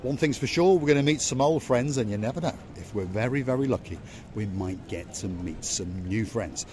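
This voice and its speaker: A man's voice: mid-range voice, a little fast, a little mellow, slight background noise. A middle-aged man co-hosting a vlog, giving jokey, showman-like walking-tour commentary on an outdoor harbour promenade at night, recorded on a phone held at arm's length. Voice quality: chatty, teasing, showman-like. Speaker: vlog co-host and tour guide. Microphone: phone camera at arm's length. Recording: busy crowd chatter around.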